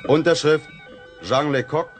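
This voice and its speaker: A man's voice: a little high, unhurried, over loud music, natural voice. An actor playing a male announcer reading an official space dispatch in a formal way, in a radio drama.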